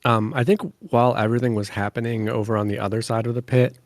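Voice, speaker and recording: A man's voice: medium pitch, little pitch movement, fast, no echo, studio quality. A man playing a tabletop role-playing game, describing his moves casually and hesitantly as he thinks aloud.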